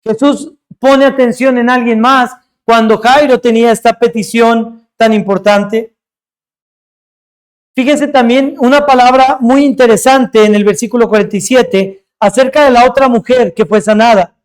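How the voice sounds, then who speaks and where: A man preaching in a fairly high voice, earnest and emphatic as he works through a scripture passage. He stretches out important words and lets his voice fall away at the ends of points. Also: fairly even intonation, normal speed, clean tone. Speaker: pastor. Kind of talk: sermon.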